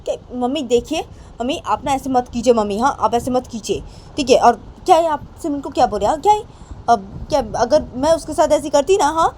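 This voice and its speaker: A woman's voice: sits high, expressive, brisk, darkish tone, a little hiss or hum. A woman voicing a young woman who insistently defends her partner to her mother. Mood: protesting. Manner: insistent, protesting.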